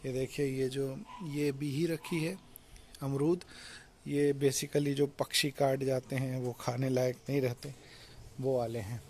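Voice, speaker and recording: A young man strolls through his garden holding the camera, talking in a relaxed, explanatory way. His delivery stays fairly flat and even. Faint outdoor ambience sits behind the voice. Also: medium pitch, a little slow, a little hiss or hum. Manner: relaxed, explanatory, mixes English words into Hindi. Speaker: vlogger giving a garden tour. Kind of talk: casual walk-and-talk garden tour. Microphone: handheld phone or action camera, point-of-view.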